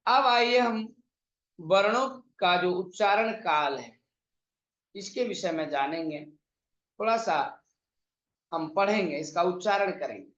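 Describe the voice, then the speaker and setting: A man teaching an online exam-prep lesson, drawing out vowel sounds slowly and reciting verses in a chanting lilt. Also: high-pitched, lively intonation, a bit bright. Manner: slow, drawn-out vowel demonstrations. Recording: echoey, slightly dull sound.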